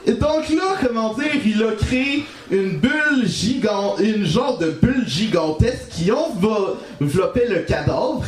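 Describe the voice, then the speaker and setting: A man's voice: high-pitched, lively intonation, soft background music. A man with a Québécois accent telling a rambling comic story on an open-mic stage, stumbling through restarts and fillers. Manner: halting, full of restarts and "comment dire". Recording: roomy live café recording from off-mic.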